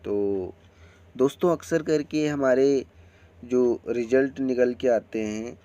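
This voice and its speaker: A man teaches a grammar lesson in his own channel's video, speaking at a middling pitch. He explains step by step in an unhurried way and keeps turning to his viewers in a friendly manner. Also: steady tone, mellow, muffled recording. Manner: slow, explanatory delivery with friendly addresses to viewers.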